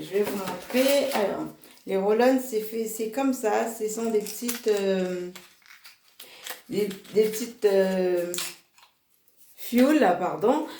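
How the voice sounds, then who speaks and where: A woman gives a slow, unhurried product demonstration from home. She hesitates constantly, restarting sentences and filling gaps, and laughs at her own slips. The room around her echoes noticeably. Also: mid-range voice, warm tone, slight background noise. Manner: hesitant, many fillers and restarts, laughs at herself; slow, halting delivery. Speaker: product seller presenting her range. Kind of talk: casual product demo video.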